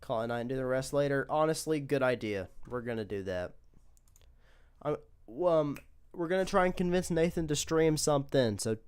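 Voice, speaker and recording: Young man, casual livestream commentary, excitable, lively pitch. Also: normal speed, smooth. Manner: rambling, excitable, self-praising. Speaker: animator reviewing his own work.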